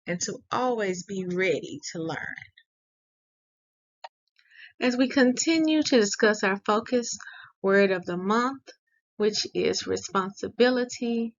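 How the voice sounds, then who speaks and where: A woman, a school administrator, giving the morning school announcements in a deliberate, instructive way, heard as school announcement audio. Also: medium pitch, fairly bright tone, lo-fi sound.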